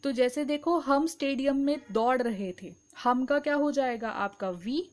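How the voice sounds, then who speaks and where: High-voiced woman teaching grammar. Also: moderate pace. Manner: explains step by step, keeps asking "ठीक है". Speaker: English teacher. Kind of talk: exam-prep grammar lesson.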